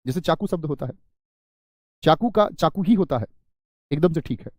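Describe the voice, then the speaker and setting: A man's voice: fairly high pitch, expressive, normal speed, darkish tone, no echo, studio quality. A man teaching a Hindi grammar class online, talking straight to his students, stressing and stretching single words to drive points home. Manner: addresses students as friends, preachy asides.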